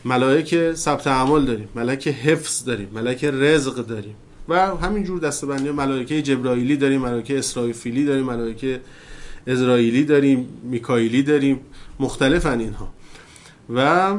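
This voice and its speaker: A man teaching religion in a question-and-answer session, turning loud and emphatic as he preaches. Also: medium pitch.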